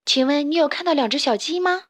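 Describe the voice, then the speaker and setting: A woman's voice: high-pitched, fast, voice pushed up, natural voice. A woman storyteller voicing a clever young girl chick who speaks thoughtfully and takes charge. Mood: calm. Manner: thoughtful, commanding.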